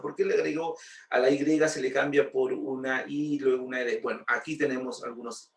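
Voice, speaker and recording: A man's voice: mid-range voice, far from the mic. A man teaching English grammar, patiently repeating points and checking with rhetorical questions. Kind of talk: explaining grammar lesson. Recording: roomy, voice from off-mic.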